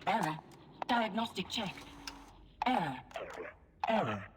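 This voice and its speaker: A woman voicing a malfunctioning female security construct that speaks in a glitching, robotic monotone and reports errors. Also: medium pitch, takes it slowly, background noise. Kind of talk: video game dialogue.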